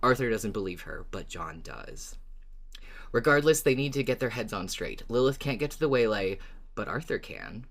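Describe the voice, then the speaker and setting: A podcast co-host with a mid-range voice talks at a moderate pace. Their delivery is expressive and wry as they work through recaps and casual discussion.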